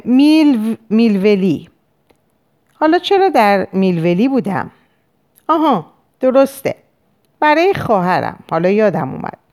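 Halting, uneasy middle-aged male banker in therapy, read by a woman, lively pitch swings. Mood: hesitant. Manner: hesitant, halting recollection.

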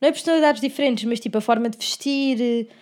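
Fast, high-voiced young European Portuguese woman. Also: darkish tone. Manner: slangy, with English words mixed in. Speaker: podcast co-host. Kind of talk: casual chat.

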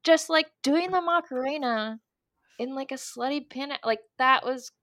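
A woman in her thirties, a comedian guest, telling an animated story in casual podcast chat, acting out her own quotes. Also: high-pitched, unhurried, dry recording.

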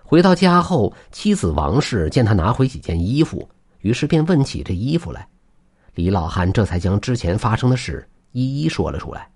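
A man tells a folk tale aloud, animated and expressive. His voice sits low and husky, with lively swings in pitch. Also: normal speed. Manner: animated storyteller narration.

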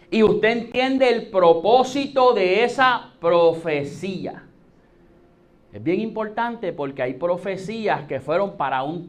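A man preaching a sermon, posing rhetorical questions to his listeners and rising to emphatic, drawn-out peaks. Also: high-pitched.

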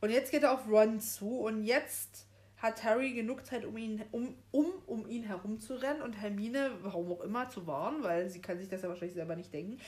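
A young woman with a slightly high voice, talking in a loose, chatty way. She retells a story scene by scene, often stops to correct herself, and laughs easily. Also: fairly quick, darkish tone. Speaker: podcast co-host reading a book aloud. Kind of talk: casual chat retelling a story.

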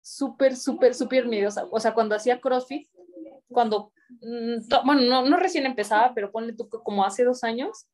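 A young woman with a Mexican accent, telling stories in a relaxed chat. Her voice sits a little high, and she swears and uses slang freely. Her delivery is lively and animated. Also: moderate pace. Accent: Mexican Spanish. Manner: swearing, laughing, animated storytelling. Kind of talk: casual chat.

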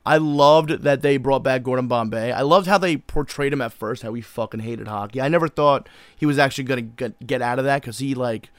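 Recapping a show on a podcast, this young American co-host talks fairly quickly in loose, slangy frat-bro style, swearing throughout the casual chat. His voice sits at an average male pitch, captured in a close, dry recording.

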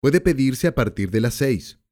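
A man's voice: medium pitch, lively intonation, moderate pace, a little mellow, pitched above the performer's own voice, lightly acted. A man voicing a patient, polite young male counterman at a diner who explains and lists the food in an audiobook. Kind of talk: audiobook character voice.

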